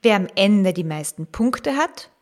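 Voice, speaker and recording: A woman's voice: mid-range voice, expressive, unhurried, natural voice. A woman voicing a young male hare acting as referee who formally announces the rules of a duel. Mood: ceremonious.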